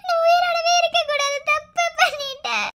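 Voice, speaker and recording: A woman's voice: extremely high pitch, steady tone, moderate pace, bright, forceful tone, a little hiss or hum. A woman voicing a desperate, ashamed young village wife in a cartoon, with a Madurai Tamil accent and pleading, sobbing speech. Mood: tearful, pleading. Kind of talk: cartoon voice acting.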